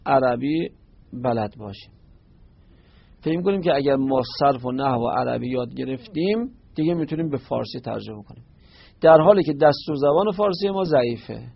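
A man teaching a class, explaining a poem slowly word by word. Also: mid-range voice, creaky, breathy edge, dry recording. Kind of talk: classroom lecture on translating Arabic poetry. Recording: dull lo-fi recording.

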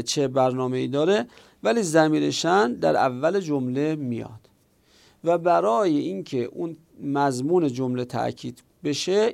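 A man's voice: on the high side, creaky. A man teaching a grammar lesson, who poses questions and answers them himself while stressing the key words. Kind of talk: explanatory grammar lecture.

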